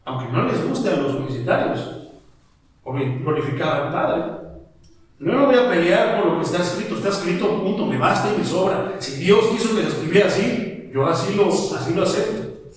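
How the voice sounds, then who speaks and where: A high-voiced man preaches an expository Bible sermon, reading the verses slowly and questioning his listeners as he goes. He is recorded from far off in a church sanctuary with heavy echo and a long reverb tail. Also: lively intonation. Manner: reads verses slowly, asks the congregation questions. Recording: echoey church hall from far off.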